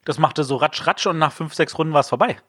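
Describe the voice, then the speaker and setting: A man's voice: fairly high pitch, fairly quick, a bit bright, breathy edge, dry recording, studio quality. A man co-hosting a board game podcast, reviewing games in a casual, rambling way with many fillers.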